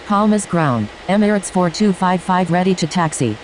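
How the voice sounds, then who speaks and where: A woman's voice: fairly low pitch, expressive, moderate pace, a little hiss or hum, rough recording. A woman giving clipped, scripted aviation calls over a pilot headset radio. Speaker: air traffic radio voice.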